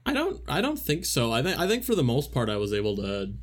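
A man's voice: medium pitch, wildly swooping pitch, fast. A man co-hosting a podcast, talking casually about a movie with frequent restarts and fillers. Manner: rambling, many restarts and fillers. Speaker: podcast co-host.

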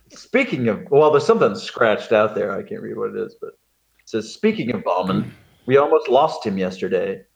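A man's voice: lowish voice, wildly swooping pitch, normal speed, gravelly, long pauses. A man co-hosting a podcast, reading an old letter aloud in casual chat and laughing often as he slips into comic voices. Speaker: podcast co-host.

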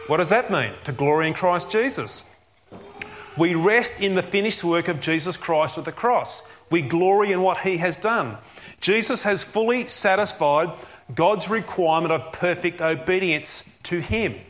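A man's voice: high voice, animated, unhurried, fairly bright tone. A man preaching a sermon as a pastor, earnest and emphatic, often asking rhetorical questions.

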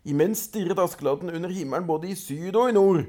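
A man reading a folk tale aloud in a lively storytelling way, with small hesitations. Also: sits high.

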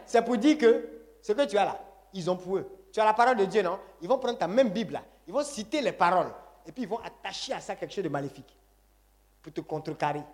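A man's voice: high voice, lively intonation, fast. A man preaching a sermon to a congregation, emphatic and repetitive, calling on the audience to say amen. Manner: call-and-response, asks congregation to say Amen; emphatic, repeats phrases.

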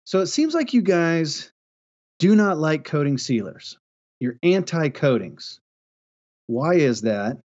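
A man's voice: fairly high pitch, big pitch swings, slow, darkish tone. A man co-hosting a podcast in casual, easygoing, joking chat. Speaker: podcast co-host. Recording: slightly dull, lo-fi audio.

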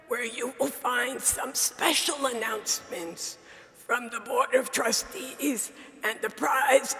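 Sultry, strained raspy voice in an echoing hall. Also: mid-range voice, fairly bright tone. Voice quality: sultry, husky sound. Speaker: university official opening a graduation. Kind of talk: formal ceremonial welcome speech. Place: large university chapel, speaking to an assembly. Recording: echoey chapel hall, long reverb.

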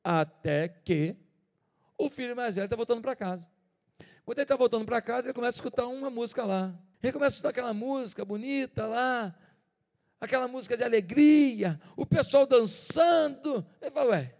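Pastor preaching with high voice. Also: male voice, brisk. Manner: animated storytelling, dramatic shifts of volume. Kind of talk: sermon. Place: church. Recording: reverberant church hall.

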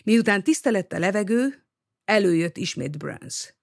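An audiobook reader reading a novel aloud in a lively, expressive way. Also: mid-range voice, gravelly, no room sound, clean studio sound.

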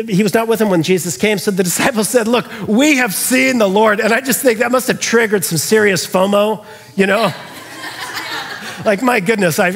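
A man preaching an Easter sermon as pastor, conversational and chatty, slowing down to read scripture. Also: sits high, a bit bright, breathy edge. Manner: conversational, with chuckling asides and slowed scripture reading. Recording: long hall reverb.

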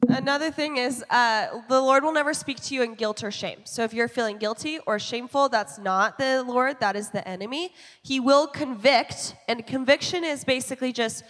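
A woman's voice: high voice, moderate pace, few pauses, fairly bright tone, in a large hall. A woman in her twenties, a youth pastor on a panel, explaining in an encouraging way with everyday examples. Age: 20s. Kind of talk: panel Q&A teaching.

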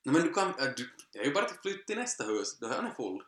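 A man's voice: medium pitch, big pitch swings. Chatty man in an echoey room. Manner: chatty, laughs often, many restarts. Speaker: podcast co-host. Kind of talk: casual chat.

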